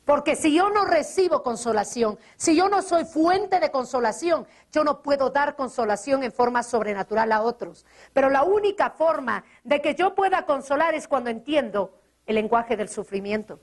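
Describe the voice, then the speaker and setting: Woman preacher, high bright register, earnest sermon delivery, softens and slows on tender passages. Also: expressive. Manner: earnest preaching with rhetorical questions and scripture quotes. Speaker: pastor.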